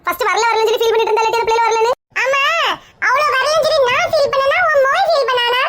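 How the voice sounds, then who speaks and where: A woman's voice: fast talker, a bit bright. A woman with a Kanyakumari Tamil accent playing a touchy, bald, middle-aged village woman who nags and bickers. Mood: bickering. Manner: shrill, nagging, bickering.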